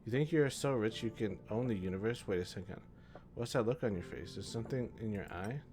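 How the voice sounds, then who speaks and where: A man's voice: fairly low pitch, fairly quick, natural voice. A man voicing a hostile, suspicious young man who accuses and snaps at others. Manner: accusing, defensive.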